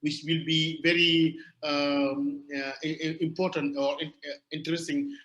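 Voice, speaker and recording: Bright, halting man with a French accent. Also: on the high side, flat delivery, echoey room. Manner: halting, searching for words, many restarts. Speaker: panelist. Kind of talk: remote panel talk.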